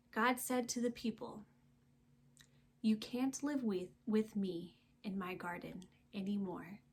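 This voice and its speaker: Reading a storybook to young children, a woman with a slightly high, somewhat rough voice delivers the lines expressively and with emphasis. She uses dramatic pauses and lets her phrases trail off into a hush.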